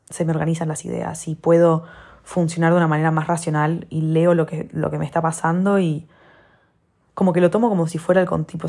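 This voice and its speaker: Low husky-voiced Rioplatense young woman. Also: dark tone. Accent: Rioplatense Spanish. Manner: candid, rambling, repeats phrases for emphasis. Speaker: vlogger giving advice. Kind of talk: casual confessional talk to camera.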